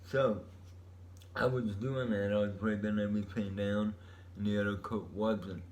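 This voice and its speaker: Man, low voice, casual solo vlogger; laid-back stoner-style delivery, meandering and unscripted. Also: level tone, a little slow, a little mellow, a little hiss or hum. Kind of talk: rambling casual monologue.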